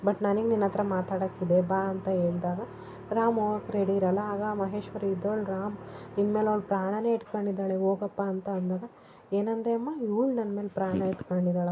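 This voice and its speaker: A woman casually retelling a TV serial episode, quoting the characters' lines as she goes. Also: mid-range voice. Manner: retells scenes, voicing each character's lines in quotes. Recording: tinny phone-like audio, faint noise.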